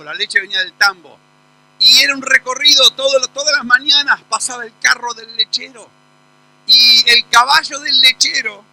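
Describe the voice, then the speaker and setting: A man's voice: extremely high pitch, low-quality recording. A male pastor, preaching a sermon in a church. He tells stories with lots of emphasis. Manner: storytelling, animated and emphatic.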